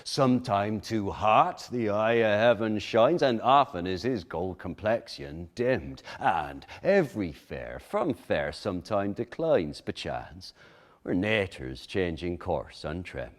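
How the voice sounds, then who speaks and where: A man reciting poetry in Shakespearean English with a reconstructed original pronunciation, in a measured, expressive, declaiming manner. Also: lowish voice.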